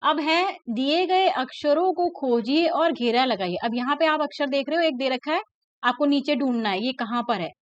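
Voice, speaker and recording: A woman's voice: sits high, expressive, no echo. A woman teacher, patiently explaining a lesson to young children and often checking that they follow. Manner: patient, repeats words slowly and checks in with "ठीक है ना". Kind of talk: classroom lesson explaining a textbook. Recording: dull, lo-fi, dry sound.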